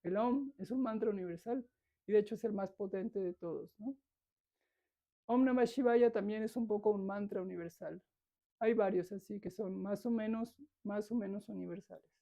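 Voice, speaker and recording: A woman's voice: medium pitch, normal speed, warm tone. A woman, patiently lecturing a yoga philosophy class and demonstrating pronunciation.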